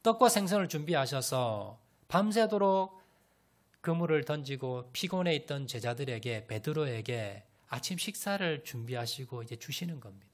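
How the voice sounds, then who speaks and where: A man preaching a sermon as a pastor, telling a Bible story with animated storytelling and questions to the congregation. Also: mid-range voice, moderate pace.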